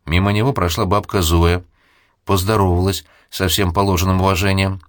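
A man reads a story aloud in a steady, dramatic way, giving voices to the characters. His voice is very low and recorded close and dry. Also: moderate pace, no echo. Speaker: narrator. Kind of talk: audiobook narration.

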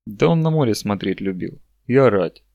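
A man voicing a blunt, talkative young male villager in a book reading, speaking loudly and roughly. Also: fairly low pitch, expressive, moderate pace, no echo, highs cut off. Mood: telling story.

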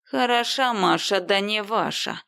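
A woman's voice: medium pitch, vocal fry, fairly bright tone, clear, resonant tone. A woman voicing a smug, wealthy man who speaks in a condescending, smirking way. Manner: condescending, slow smirking delivery.

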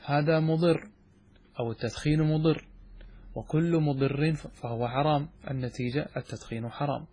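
A man's voice: on the high side, fairly even intonation, moderate pace, mellow, husky. A man, a sheikh, giving a classroom lecture on a classical logic poem. He quizzes his students with questions and then answers them himself. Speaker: sheikh teaching a logic text.

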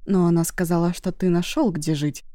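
A woman voicing a young female top student who is blunt and deadpan, in an audiobook. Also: on the low side, moderate pace, no echo, clean studio sound, natural voice. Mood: cool warning. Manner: direct, deadpan, flat replies.

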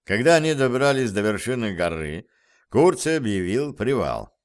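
A man narrating a war novel as an audiobook in an even, measured storytelling manner. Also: mid-range voice, smooth. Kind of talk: scripted narration.

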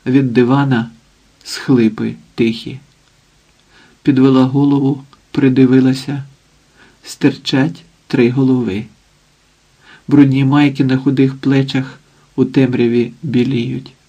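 Gravelly, husky male audiobook narrator. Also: medium pitch, level tone, takes it slowly, pauses often, mellow, dull audio. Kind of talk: scripted narration.

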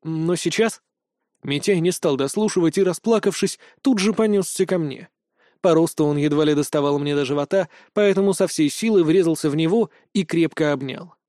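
A man reading a first-person audiobook in a calm, even storytelling manner. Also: fairly high pitch, brisk, no echo, studio quality. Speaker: audiobook narrator.

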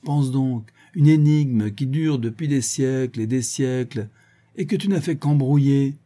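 A man voicing a jovial, ironic gentleman adventurer who taunts his captive theatrically, raising his voice higher than his narration. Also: unhurried, lightly acted. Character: mocking, jovial gentleman adventurer, male, adult.

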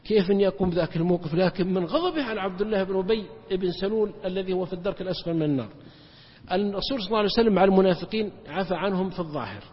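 A man gives a religious lecture, telling stories emphatically and jumping up in pitch to stress points. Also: husky. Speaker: preacher. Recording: dull lo-fi recording with long hall reverb.

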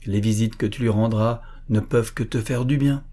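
A man voicing a worldly, shrewd orchestra conductor who explains things in a knowing, amused way, in a husky voice. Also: on the low side, steady tone, normal speed, mellow, lightly acted. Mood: advising.

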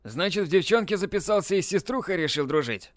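A man's voice: high voice, animated, quick pace, no echo, studio quality, voice pushed up. A man doing a cocky teasing teenage boy. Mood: mocking. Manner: mocking and brash. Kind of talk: audiobook character voice.

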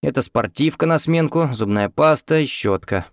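An eager young student chatters excitedly at his friend's bedside, as a male narrator voices him. The voice stays close to the reader's own, a little gravelly. Recorded dry and close. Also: medium pitch, normal speed, dry recording, voice pushed up, lightly acted. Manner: excited, lively.

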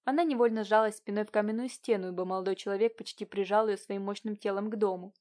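A woman reading a historical romance audiobook as narrator, in smooth, even storytelling. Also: mid-range voice, fast. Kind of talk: scripted narration.

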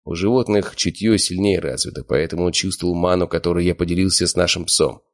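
A man narrating an audiobook in the first person, steady and smug. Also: low-pitched, quick pace. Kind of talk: scripted narration.

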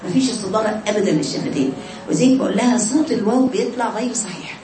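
A woman with an Egyptian Arabic accent teaching Quran recitation in a class, drawing sounds out slowly to demonstrate them and asking her students questions. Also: mid-range voice, animated, mellow. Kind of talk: online class lesson with students. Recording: echoey distant noisy recording.

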